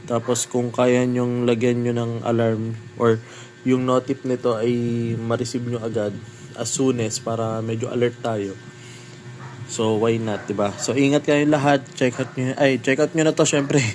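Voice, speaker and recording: A man chatting casually to his viewers while showing a phone screen, excitable and talkative. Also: mid-range voice, a little slow, a little hiss or hum, low-quality recording. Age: adult with a child. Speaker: phone reviewer vlogger.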